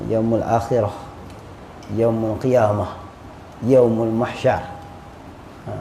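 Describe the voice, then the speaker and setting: Lively male religious teacher. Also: mid-range voice. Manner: animated, acts out little dialogues with laughs. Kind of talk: traditional religious lesson. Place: religious school hall. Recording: echoey room with faint noise.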